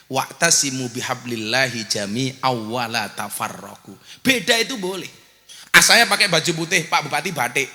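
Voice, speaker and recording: Booming bantering preacher in his forties. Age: 40s. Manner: loud, bantering, teasing the audience. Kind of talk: joking sermon to a crowd. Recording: long hall echo, faint noise.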